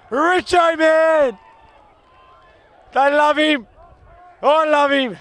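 A man calling a football match live, rattling off players in clipped bursts and shouting at big moments. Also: extremely high pitch. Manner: clipped bursts of names and actions. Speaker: football commentator. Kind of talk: live play-by-play commentary. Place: commentary box at an outdoor ground.

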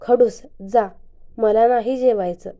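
A woman's voice: fairly high pitch, steady tone, slow, mellow. Woman narrator doing a stubborn, pouty young woman. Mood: pouting playful. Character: playful, stubborn young woman who sulks.

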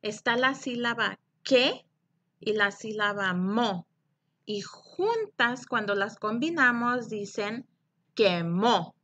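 Middle-aged woman teacher, very slow and deliberate, bright but slightly husky; phonics lesson for small kids. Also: a little high, lively intonation. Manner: slow and deliberate, clapping out syllables.

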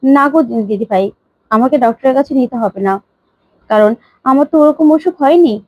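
A woman's voice: high-pitched, animated, a little fast, dry recording, phone-quality sound. A woman voicing a heartbroken middle-aged mother who speaks in a tearful, pleading way. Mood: sorrowful.

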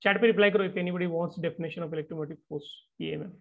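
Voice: mid-range voice, steady tone, normal speed, creaky. Chatty teacher on a dull stream. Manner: conversational explaining with frequent checking-in tags. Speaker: physics teacher. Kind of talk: live online class lecture.

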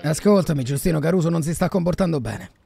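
A man's voice: on the high side, lively intonation, quick pace, creaky, slightly rough. A man roleplaying a restaurant director, with theatrical formal greetings to customers. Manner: theatrical, formal host greetings with mocking shouted imitations. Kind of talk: in-character roleplay chat.

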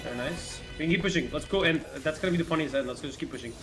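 Loud guitar music sits behind a young man streaming a game. He is a hyped gamer bro with a slightly high voice and rapid delivery, swearing freely and repeating his excited calls. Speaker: streamer playing an online team game. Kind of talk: live gameplay commentary, casual chat. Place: bedroom at home.

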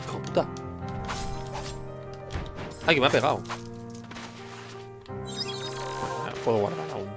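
A man's voice: mid-range voice, huge pitch swings, slow pace, gravelly, long pauses. Man swearing through a game. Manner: exclaims and swears at hits, chatty asides. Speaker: gameplay streamer. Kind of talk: casual let's-play commentary. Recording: game soundtrack loud behind voice. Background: game music.

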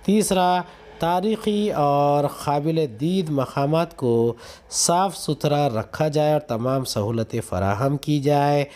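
A teacher with a fairly high, slightly mellow voice reads textbook questions and answers slowly. He goes point by point in an instructional way, announcing numbered items.

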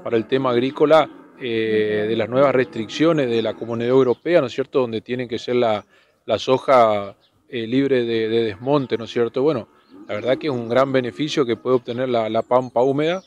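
Un hombre de unos cuarenta años con acento del norte argentino, entrevistado al aire libre, titubea y repite palabras. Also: male voice, medium pitch, darkish tone, muffled recording. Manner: hesitant, repeats words, frequent tag questions. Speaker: farm association official being interviewed. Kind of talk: spontaneous news interview. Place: outdoors under trees. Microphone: handheld reporter microphone.

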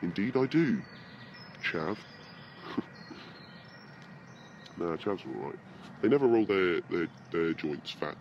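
Deep-voiced British man rambling outdoors. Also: lo-fi sound, slight background noise. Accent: British English. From Britain. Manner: rambling, swears freely, chuckles often. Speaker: podcast host. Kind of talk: casual rambling monologue. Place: outdoors in a forest. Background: birdsong.

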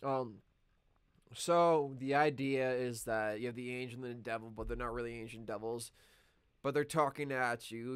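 A man's voice: mid-range voice, clean tone, no echo. A man, a screenwriter, reading his own script aloud on a live stream and correcting himself as he goes. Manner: reading stage directions aloud, self-correcting.

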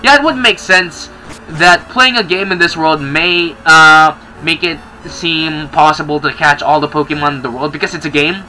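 A young man casually commenting as he plays a game, chatty and excitable. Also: fairly high pitch, normal speed, low-quality recording. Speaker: gaming channel host. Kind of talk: casual let's-play commentary.

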